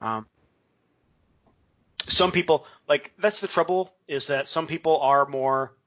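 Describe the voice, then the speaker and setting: A man with a somewhat raised voice talks haltingly on a podcast, restarting his sentences and filling gaps with "um." His humor stays dry. The recording sounds a little muffled and lo-fi. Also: a little high, a bit bright. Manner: hesitant, lots of ums and restarts, dry humor. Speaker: podcast co-host. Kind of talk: casual chat. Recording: slightly dull lo-fi recording.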